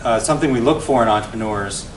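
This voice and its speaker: A man in his forties speaks energetically to an event audience, checking in with "right?" as he goes. He sits back from the mic in a reverberant room, and a faint low rumble runs underneath. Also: fast talker, far from the mic. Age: 40s. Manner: energetic and conversational, tags points with "right?". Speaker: venture investor and guest speaker. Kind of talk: telling his founder story to an event audience. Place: event venue before an audience.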